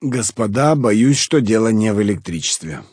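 A man voicing a calm, composed middle-aged host who speaks in a measured way in an audiobook. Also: lowish voice, dry recording, clean studio sound. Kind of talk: audiobook character voice.

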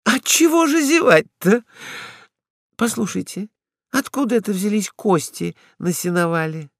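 A sly, cheeky stray lady dog, put on by a male reader, talks in a raised, singsong voice that climbs and falls a lot. She sounds coy and innocent. The voice is dry and close, with a gravelly edge. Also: high-pitched, big pitch swings, a little slow, dry recording, pitched above the performer's own voice, full character voice.

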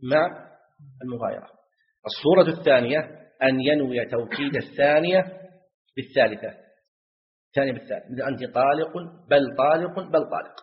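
A man, teaching Islamic jurisprudence in a lesson. He repeats key phrases and keeps asking his students questions. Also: medium pitch. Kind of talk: classroom lesson explaining a legal text. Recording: dull lo-fi lecture recording.

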